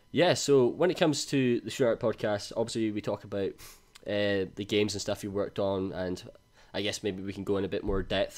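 A man's voice: fairly low pitch, darkish tone. A man hosting a podcast, enthusiastic and full of casual fillers. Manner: enthusiastic, many fillers and likes. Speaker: podcast host.

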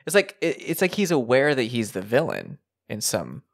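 A man's voice: medium pitch, wildly swooping pitch, normal speed, vocal fry. A man hosting a podcast interview, talking loosely and chattily with lots of filler words. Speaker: podcast host. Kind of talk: casual interview talk.

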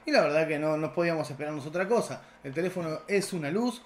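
A man's voice: a little high, expressive, quick pace, reverberant, slight background noise. A man with a Rioplatense Spanish accent, co-hosting a casual phone review and explaining specs at length. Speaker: tech reviewer co-host. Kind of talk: casual tech review chat.

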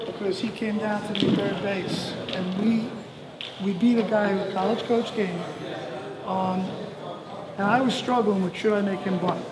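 A man coaching baseball players at a clinic, encouraging them and telling a game story. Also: sits high. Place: large indoor sports dome. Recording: echoey dome with crowd noise.

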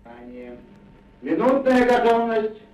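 Countdown operator, high male voice, slow repeated calls, distant echoey archival radio transmission. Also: big pitch swings, a little mellow. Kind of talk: countdown commands.

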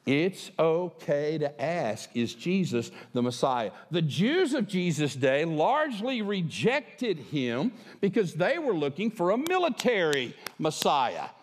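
An older man preaching a sermon on a large church stage, emphatic and animated, moving around as he speaks. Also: sits high. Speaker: pastor. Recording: long hall reverb.

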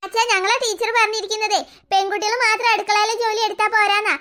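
A performer doing a cheeky schoolgirl daughter in a comic family sketch, in a very high, bright voice that runs very fast. She lectures her father as she talks. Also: flat delivery. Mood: lecturing.

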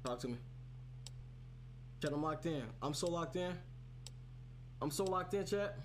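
A man's voice: a little high, lively intonation, a little slow. Nervous horror game streamer, noisy man's recording. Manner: slangy, profane talk, often repeating phrases. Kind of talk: casual live gaming commentary to chat.

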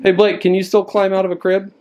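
This is a thirty-something American father hosting a family vlog, playfully coaxing his kids as he narrates a laid-back tour of the house. He talks quickly in a high-pitched monotone with a darkish tone. The noisy handheld video, filmed at arm's length, has its highs cut off.

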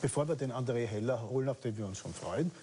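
A man's voice: medium pitch, quick pace, dark tone, a little hiss or hum. A man hosting a studio book talk show, introducing guests formally. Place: studio set with books.

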